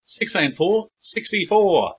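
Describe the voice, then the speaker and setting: A middle-aged man calls bingo numbers in a formulaic, digit-by-digit pattern. His voice sits a little higher than most men's and has a husky, rough edge. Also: expressive, slow pace. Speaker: bingo host and caller. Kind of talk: bingo caller reading out numbers.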